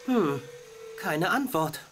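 A woman's voice: fairly low pitch, expressive, slow. A woman voicing a curious, polite young boy adventurer in a video game, wondering aloud in a hesitant manner. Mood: curious, musing. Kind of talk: video game character acting. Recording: loud game music underneath.

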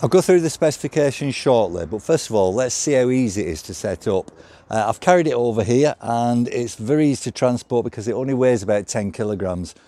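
A man's voice: medium pitch, lively intonation, fairly quick, dark tone, slight background noise. A man, reviewing a product and walking through each step as he handles it outdoors. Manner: practical, step-by-step explaining while handling the cart. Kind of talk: hands-on product demonstration. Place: outdoors on a gravel yard by a stone house.

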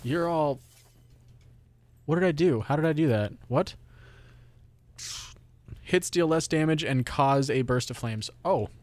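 A man's voice: fairly high pitch, a little slow, long pauses, a little mellow, no room sound. A young man with a sore throat, streaming and commenting casually on a game, rambling and cursing as he talks to himself and the game. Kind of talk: casual live gameplay commentary.

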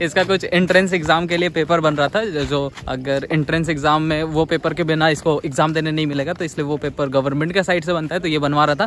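A man's voice: a little high, a bit bright, slight background noise. A young man narrating his day in a casual vlog, chatty and teasing his friends. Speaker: vlogger.

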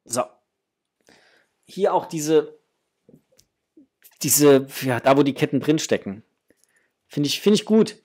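In a small home room, a middle-aged man hosting a toy collecting channel unboxes toys, chatting casually and gushing enthusiastically to viewers. His voice is on the high side, animated and a little mellow, and he takes it slowly with frequent pauses.

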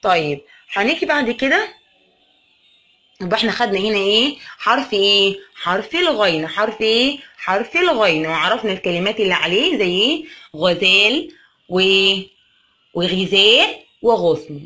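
A woman's voice: medium pitch, big pitch swings, fairly quick, bright, forceful tone. Egyptian woman teaching first graders. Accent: Egyptian Arabic. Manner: asks questions and answers them herself, stretching out words. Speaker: primary school teacher. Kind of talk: children's reading lesson.

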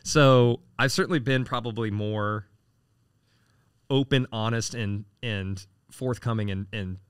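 A city council candidate in his late forties answers interview questions casually, rambling and constantly using fillers and restarting sentences. His mid-range voice is smooth and unhurried, and the dry recording has studio quality.

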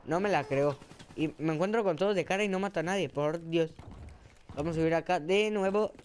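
Excitable man with put-on Spain Spanish. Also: a little high, a little fast, a little hiss or hum. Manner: excitable, exclaiming, self-mocking. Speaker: gaming channel host. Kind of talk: live gameplay commentary.

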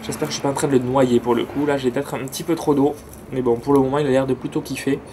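A man's voice: mid-range voice, steady tone, racing, mellow. Eager southern french guy rambling about his plants outdoors, phone mic, faint traffic hum. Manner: enthusiastic, chatty, slangy. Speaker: plant vlogger. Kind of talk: casual chat. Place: outdoors near a road with cars and planes.

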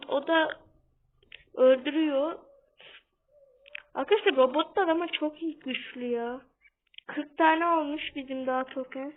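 A young-sounding woman giving casual gameplay commentary for her channel, half-shouting and keeping up a running chat with her viewers. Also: sits high. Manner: talks a bit loudly on purpose, keeps calling out to viewers. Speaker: gaming channel host. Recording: tinny phone-like sound.

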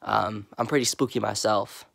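A young man with a stuffy, cold-blocked, gravelly voice gives a vlog tour of his dark bedroom lit by Halloween lights, holding his phone camera at arm's length. He chats casually and rambles with lots of fillers, at a moderate pace, fairly low in pitch and fairly even in intonation.

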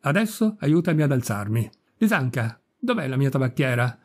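A man's voice: medium pitch, very animated, normal speed. A man voicing a capricious, imperious old countess in an audiobook reading, peevish and scolding. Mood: querulous. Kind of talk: audiobook reading of a classic story.

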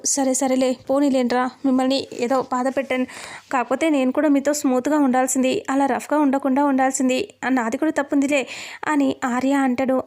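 A woman's voice: sits high, darkish tone. A woman casually retelling a television serial's scenes, lightly voicing the characters' quoted lines, with fillers and restarts. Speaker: serial recap narrator. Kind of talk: casual spoken story recap.

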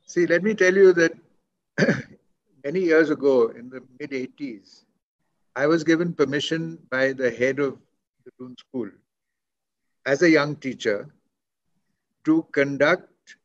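An older man with a posh, educated Indian English accent, answering as a school educationist on a panel in measured, emphatic phrases over a muffled online call. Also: a little high, no echo.

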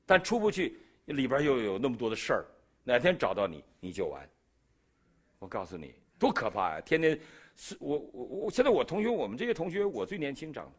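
A man's voice: a little fast, slightly rough. A middle-aged man from China with a Beijing accent, telling his testimony in a sermon and acting out the dialogue. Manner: animated storyteller who jumps in pitch and loudness, acting out dialogue. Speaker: preacher giving a testimony.

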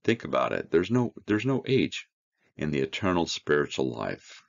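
Man, Bible teacher, very deep gravelly voice, lively intonation, dull lo-fi recording. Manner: reads scripture then explains it, slow earnest emphasis. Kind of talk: verse-by-verse Bible study.

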